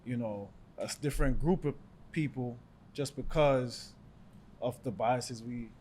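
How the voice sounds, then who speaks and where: A man's voice: medium pitch, unhurried, warm tone, slight background noise. A young adult man from Jamaica, a podcast co-host talking things through in a reflective, filler-heavy way. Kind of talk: casual chat.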